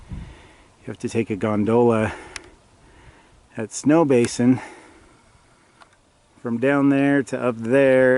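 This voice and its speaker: A man's voice: fairly low pitch, a little mellow, a little hiss or hum. A man chatting to the viewer as he hikes a mountain trail, a little out of breath, recorded on his camera outdoors. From Utah, USA. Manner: chatty, talks to the viewer while hiking. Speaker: outdoor vlogger. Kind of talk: casual hiking vlog.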